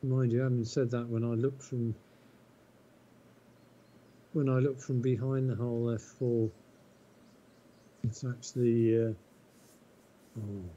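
A man playing a golf video game, chatting easily with a friend and thinking out loud as he reads his putts. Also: mid-range voice, little pitch movement, measured pace, pauses often. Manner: easygoing, thinks aloud with restarts. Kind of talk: casual gaming chat. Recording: dull lo-fi mic.

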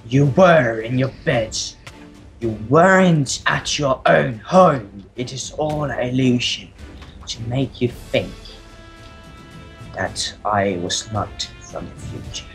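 Guy doing a solemn time traveler warning heroes in a game rp, slow dramatic delivery, bit of music. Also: mid-range voice, expressive, vocal fry. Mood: ominous, urgent. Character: solemn time-travelling future soldier warning of a dark lord. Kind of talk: improvised video game role-play.

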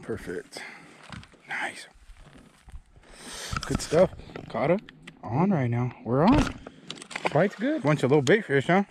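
Male angler, casual and excitable, very lively pitch, outdoor action-cam sound. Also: takes it slowly, long pauses, noisy background. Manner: excitable, laughing exclamations. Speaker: fishing partner. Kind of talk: casual chat while fishing. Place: outdoors on a fishing boat on a lake. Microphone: action camera.

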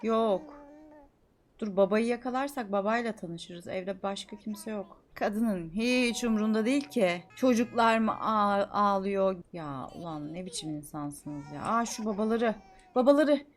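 A young woman streaming a life-sim game, chattering excitedly, scolding the characters and swinging from mutters to shouts. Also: medium pitch, a little slow. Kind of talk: live gameplay commentary.

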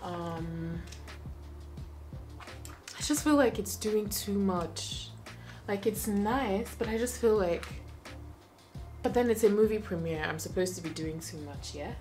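A woman's voice: mid-range voice, lively intonation, slow pace, pauses often, a little mellow, soft background music. A young woman, chatting to the camera in her bedroom while getting ready, thinking aloud about her outfit. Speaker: lifestyle vlogger. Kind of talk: casual chat to camera. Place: bedroom indoors. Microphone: camera close up.

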